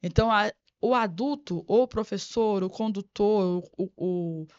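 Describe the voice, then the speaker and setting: A woman's voice: mid-range voice, unhurried, a little mellow, no echo. A woman guest on a podcast interview, an educator speaking in an earnest, reflective way and repeating words as she thinks. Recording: dry, slightly dull sound.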